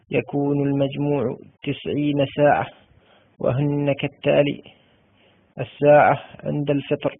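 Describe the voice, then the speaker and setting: Male preacher, flat and measured, slightly high voice, tinny phone-like dry recording. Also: vocal fry, no room sound. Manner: formal, even, measured delivery. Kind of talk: recorded religious exhortation.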